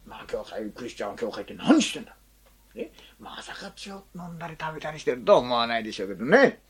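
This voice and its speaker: Husky guy pastor giving a sermon, pitch swinging all over, chatty, keeps asking the room stuff. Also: sing-song, fast talker. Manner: chatty, asks the congregation questions, adds "ne" often.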